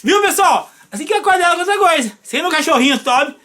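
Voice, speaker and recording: A woman hosting a casual home vlog, playful and loudly calling out repeated wake-up cries. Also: very high voice, expressive, fast. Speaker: vlogger host.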